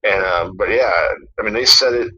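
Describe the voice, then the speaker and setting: A man's voice: fairly low pitch, moderate pace, pushed and bright, highs cut off, slight background noise. A man co-hosting a casual podcast, rambling through a story with many fillers and some swearing. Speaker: podcast co-host.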